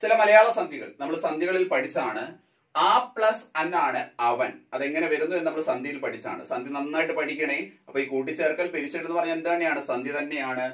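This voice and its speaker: A male teacher giving an exam prep lesson, drawing out each word part slowly as he drills the rules. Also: fairly high pitch, fairly bright tone, roomy sound, distant mic. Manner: slow, drawn-out drilling of word parts.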